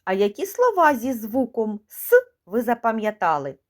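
A woman teaching a slow, sing-song speech lesson to small children, repeating each word clearly. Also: fairly high pitch, huge pitch swings. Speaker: kindergarten teacher. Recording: echoey room.

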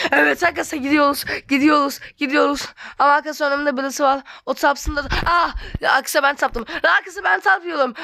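A female gamer giving excitable let's-play commentary, talking straight to her viewers and breaking into loud frustrated outbursts. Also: high-pitched. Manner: excitable, keeps addressing viewers as friends.

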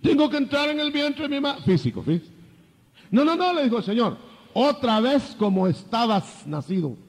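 An older man preaching a sermon, lively, acting out biblical dialogue in changing voices. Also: very high-pitched, moderate pace, in a large hall.

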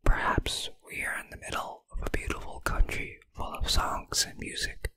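A reader voicing a kindly, cheerful old male grasshopper from a storybook in a breathy whisper. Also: moderate pace, sharp tone, no room sound, natural voice. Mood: cheerful, reassuring.

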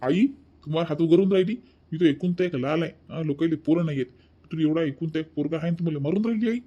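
A quick, slightly high-voiced cartoon son, voiced by a man, talking back to his mother in a broad Vidarbha accent. He is idle and cheeky, with a whiny, brash edge. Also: muffled recording, lightly acted. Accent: Vidarbha Marathi. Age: 30s. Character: lazy, cheeky thirty-year-old son, back-talking. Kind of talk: cartoon voice acting.

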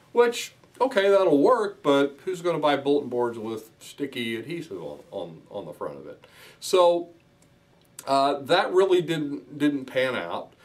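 A man hosting a show, telling a story to the camera in a lively, conversational way, with frequent fillers and restarts. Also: a little high. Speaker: host. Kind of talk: casual talk to camera. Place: office room with sticky notes behind him.

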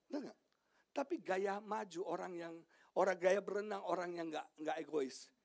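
A middle-aged male pastor preaching an animated sermon, swinging from shouted lines to hushed asides and joking with the congregation. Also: sits high, moderate pace, vocal fry. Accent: Indonesian. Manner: jokes with the congregation, asks them questions. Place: church sanctuary.

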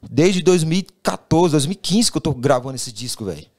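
Guy on a podcast, rattles off his story quick, keeps acting out what everyone said. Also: fairly high pitch. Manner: animated, acts out quoted dialogue, says "velho" constantly. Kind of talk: casual storytelling.

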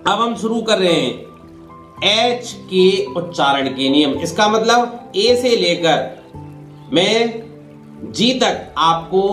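A man's voice: high voice, fairly bright tone, echoey room. A man in his fifties teaching English pronunciation to Hindi-medium students, explaining patiently and often saying "dekhiye" and "bhai".

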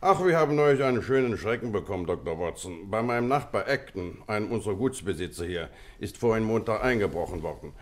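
An actor playing an affable old-school army colonel in a German radio play, hearty and chatty. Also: male voice, lowish voice, lively intonation, fast, hardly any pauses, close to an everyday voice. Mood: chatty, recounting. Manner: hearty, chatty, clipped tag questions.

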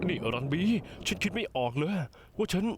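A man's voice: high voice, expressive, normal speed. An actor dubbing a timid, hesitant young man who is unsure what to say in a drama. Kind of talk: Thai dubbed drama. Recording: noisy soundtrack behind dialogue.

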